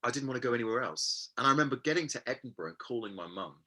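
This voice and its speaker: A man in his fifties from Hampshire in England, telling stories about his childhood as a guest in a casual interview, self-deprecating and halting with many fillers. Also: medium pitch, expressive, pushed and bright.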